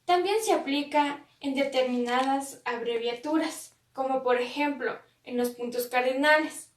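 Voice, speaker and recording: A woman student reading a class presentation aloud, slowly and carefully with pauses. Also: sits high, distant mic. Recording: echoey room, away from the mic.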